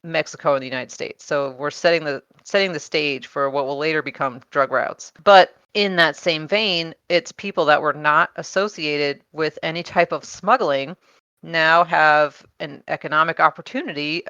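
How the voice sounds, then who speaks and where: A woman's voice: deep voice, normal speed, bright, forceful tone, clean tone, no room sound, dull audio. A woman co-hosting a podcast, explaining her research in casual chat with many fillers and frequent laughs. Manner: chatty, laughs often, many fillers and restarts.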